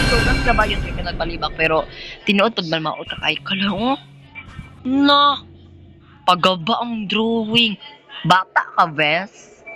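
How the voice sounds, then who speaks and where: A man giving campy, sassy commentary on a horror game, breaking into sudden shrieks. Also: sits high. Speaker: gaming streamer.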